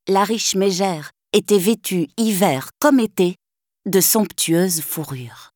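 A woman narrating a children's storybook in a clear, gently expressive reading. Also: mid-range voice, takes it slowly, no room sound, clean studio sound.

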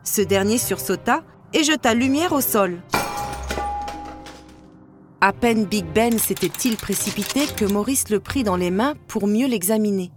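A woman narrating a children's storybook in a steady read-aloud delivery. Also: mid-range voice, a little slow. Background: background music.

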